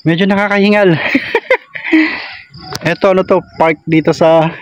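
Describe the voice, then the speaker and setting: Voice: mid-range voice, fairly even intonation, fast, no room sound, highs cut off. A vlogger talking casually while climbing a hillside trail outdoors, out of breath and laughing between remarks. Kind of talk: casual outdoor hiking vlog.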